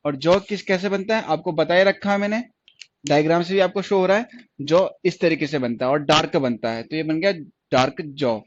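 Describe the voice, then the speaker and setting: The audio is dull and echo-free as a man with a fairly high voice speaks at a moderate pace. He runs an online stenography class, repeating each point and answering his own questions.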